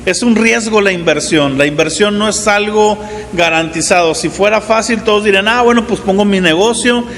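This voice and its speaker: A man in his forties preaching a sermon as pastor, talking in a relaxed conversational way and often checking in with the congregation. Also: sits high, normal speed, big-room sound, slight background noise. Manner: conversational preaching with frequent "¿verdad?" asides. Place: church hall.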